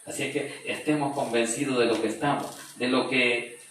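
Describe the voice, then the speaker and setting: A man's voice: mid-range voice, steady tone, moderate pace, fairly bright tone, a little hiss or hum. A man leading a Bible study in a church room. He reads a verse aloud, then retells it in plain everyday speech. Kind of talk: conversational Bible study teaching. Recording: very echoey room, voice far from the mic.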